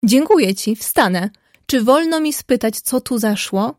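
A woman reading the part of a bold, warm-hearted young woman who speaks earnestly and coaxingly. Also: on the high side, expressive, measured pace, dry recording, clean studio sound.

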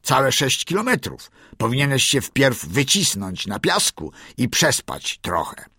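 A man voicing an old male sea lion who calmly gives advice in a slow, measured way. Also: mid-range voice, slightly rough, dry recording, studio quality, pitched above the performer's own voice, heavily acted. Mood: advising.

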